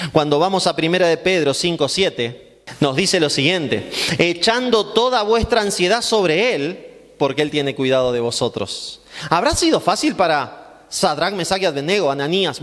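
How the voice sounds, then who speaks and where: High-pitched preacher in an echoing hall. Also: male voice, animated, normal speed, fairly bright tone. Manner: asks rhetorical questions and answers them himself; emphatic, repeating phrases for stress. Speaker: pastor. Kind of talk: Bible class sermon. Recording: long hall reverb.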